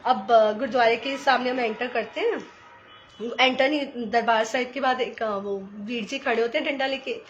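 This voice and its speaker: A woman sharing a personal devotional testimony in an animated storytelling way, slipping English phrases into her talk. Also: on the high side, moderate pace, lo-fi sound, a little hiss or hum. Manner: addresses listeners as sangat ji.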